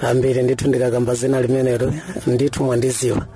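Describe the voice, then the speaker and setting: A man's voice: mid-range voice, completely flat delivery, quick pace, mellow. A man from Malawi with a Malawian accent, a singer giving informal greetings to friends and family.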